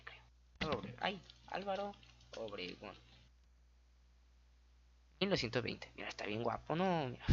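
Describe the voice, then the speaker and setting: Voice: mid-range voice, fairly bright tone, slightly rough, highs cut off. A speaker with a Mexican accent explaining history in a casual, goofy way, adding sound effects and correcting themself along the way. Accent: Mexican Spanish.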